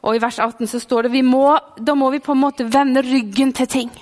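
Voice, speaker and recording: A woman preaching a sermon with a mix in her speech, fervent, swinging between loud calls and hushed whispers. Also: high-pitched, steady tone. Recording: long hall reverb.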